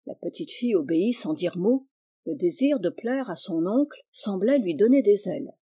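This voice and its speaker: A woman reading a classic children's novel aloud in a calm, even storytelling manner. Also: medium pitch, moderate pace, husky. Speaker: audiobook reader. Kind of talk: storybook narration.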